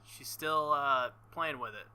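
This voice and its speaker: A man hosting a let's play reads a visual novel aloud, his mid-range voice clear, resonant and sharp-toned. His casual commentary comes out halting and embarrassed, often broken by nervous laughter.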